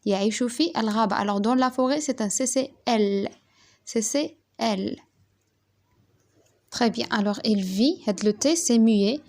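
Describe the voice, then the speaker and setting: A young woman teaches a primary school French lesson. She dictates slowly and carefully and spells words letter by letter. Her voice sits a little high. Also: darkish tone.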